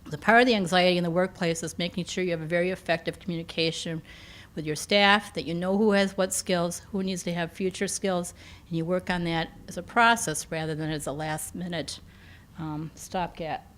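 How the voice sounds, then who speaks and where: A woman's voice: lowish voice, fairly even intonation, fairly quick, a bit bright. A woman speaking informally to a campus audience in a meeting room, conversational with many "um"s and self-corrections, her voice slightly strained and giving out at times. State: slightly losing her voice, occasional coughs. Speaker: campus career development speaker.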